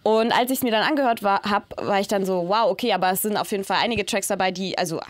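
A woman's voice: medium pitch, fast talker, no room sound. Young woman, interviewer, casual, slangy, fillers, handheld mic, studio. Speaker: interviewer, host. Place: music recording studio.

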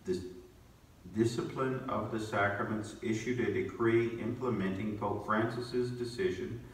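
A man's voice: fairly low pitch, fairly even intonation, a little slow. A man speaking as a priest at a church service, reading scripture or preaching, with a cathedral-like echo. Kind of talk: solemn scripture reading and homily. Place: inside a church. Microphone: far camera across the pews. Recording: distant, echoey church hall with faint noise.

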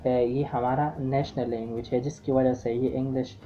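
A woman giving a lecture-style lesson, hesitant, often pausing on filler sounds and restarting her phrases. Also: rumbling low, steady tone, dark tone. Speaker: teacher. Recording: dull lo-fi with faint music.

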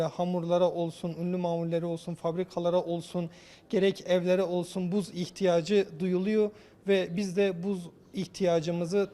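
A man's voice: sits high, warm tone. A man, a customer giving an answer in a news interview. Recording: faint ambient background noise.

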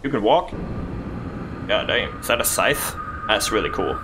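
A young man commenting on a video game he is playing, excitable and jokey, swinging between yelps and mutters. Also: lowish voice, a little slow, noisy background. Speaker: gaming YouTuber. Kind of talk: let's play commentary.

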